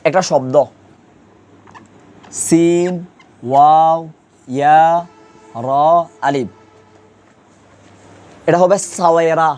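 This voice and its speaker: A man's voice: a little high, darkish tone. A man teaching an Urdu grammar class, speaking colloquially and patiently drilling pronunciation with repeated questions to his students. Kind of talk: classroom lesson.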